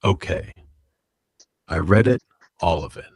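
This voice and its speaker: A man streaming, reading a story aloud word for word in a rapid, deadpan read-through. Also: low voice, slightly rough, dry recording, studio quality.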